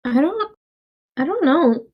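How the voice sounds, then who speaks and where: Young woman, podcast guest, giggly, a bit high-pitched. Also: very animated, dull audio. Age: young adult. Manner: giggly, quick casual banter. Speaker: student club officer, guest. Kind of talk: casual chat.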